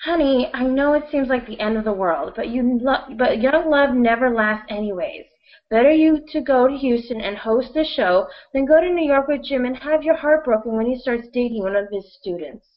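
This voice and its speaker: Middle-aged woman doing a bossy mom, kinda high voice, audio a bit muffled. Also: moderate pace, lightly acted. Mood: pushy. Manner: pushy, patronizing. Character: insistent, meddling middle-aged mother. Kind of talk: audio drama acting.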